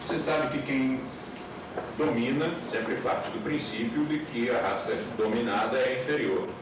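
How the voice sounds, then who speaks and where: Male teacher, explanatory lecture with rhetorical questions; old VHS tape sound, hissy and boomy. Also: measured pace, heavy reverb, recorded from a distance. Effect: old VHS tape recording. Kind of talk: classroom lecture.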